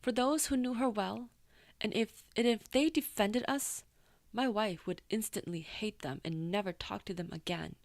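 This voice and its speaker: A woman's voice: mid-range voice, moderate pace, no echo. Woman narrating a true story, dry. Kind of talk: first-person story narration.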